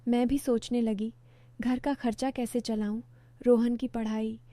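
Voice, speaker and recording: A woman narrating a first-person story in a calm, measured, reflective way. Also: fairly high pitch, no room sound.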